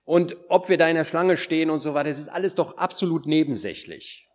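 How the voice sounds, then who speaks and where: A man preaching a sermon, acting out quoted words and dropping at times into hushed whispers for solemn points. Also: on the high side, fairly quick. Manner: animated, swings between emphatic calls and hushed whispers.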